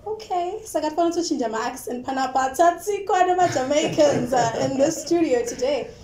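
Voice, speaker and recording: In an indoor TV studio, a young talk show host with a Zimbabwean accent conducts an interview, asking playful, upbeat questions. Her voice sits high and sounds animated and mellow at a normal speed, in a roomy space with faint noise.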